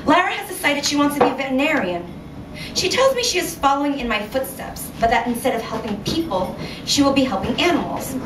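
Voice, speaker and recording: At a live reading series in an indoor venue, a female author reads her own short story in a slightly high voice with measured, expressive delivery. She's recorded from a distance in the room, far from the mic, so the sound is echoey, roomy and noisy.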